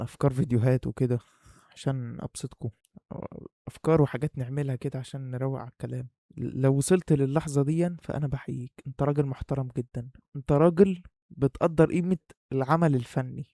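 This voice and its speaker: A young Egyptian YouTuber talks playfully and casually straight to camera in a vlog, his mid-range, warm voice muffled as he breathes hard through the face mask he's wearing. He has an Egyptian Arabic accent, and the sound is clean studio quality with no echo.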